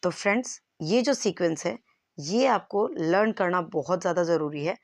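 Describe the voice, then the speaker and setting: A woman's voice: fairly low pitch, moderate pace, dry recording. Woman teacher explaining step by step. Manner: explains step by step, checks in with "clear?". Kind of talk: exam-prep lesson.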